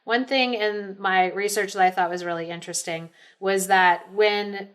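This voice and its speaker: A woman's voice: mid-range voice, fairly even intonation, moderate pace, smooth. Chatty woman podcast host. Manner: chatty, searching for words. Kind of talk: casual chat.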